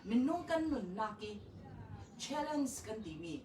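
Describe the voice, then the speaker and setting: A woman counselor speaks in an unhurried, measured, reassuring way. Her voice comes from some distance off the mic in a roomy, echoing space. A faint noise hums underneath. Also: high voice, animated, a little mellow. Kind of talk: calm informational talk.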